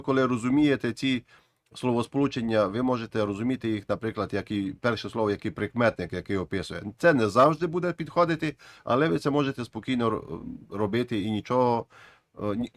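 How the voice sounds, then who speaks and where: A man's voice: medium pitch, dry recording. A man explaining an English grammar lesson patiently, with frequent restarts and repeated phrases. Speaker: English teacher.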